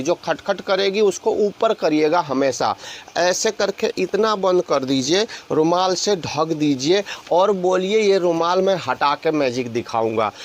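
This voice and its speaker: A man giving an informal step-by-step tutorial on magic tricks, talking through each hand movement. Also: on the high side.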